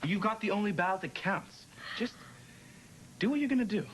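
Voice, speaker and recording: A wisecracking best friend. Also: male voice, high voice, fairly quick, slight background noise, rough recording. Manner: wry, joking, expressive. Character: wisecracking young man, loyal best friend. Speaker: soap opera character. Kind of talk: 1990s daytime soap acting.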